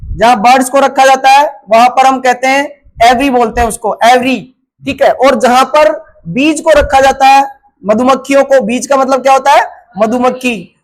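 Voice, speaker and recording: A man's voice: extremely high pitch, rough recording. A male teacher giving an exam-prep grammar lesson, asking questions and answering them himself, and spelling words out letter by letter.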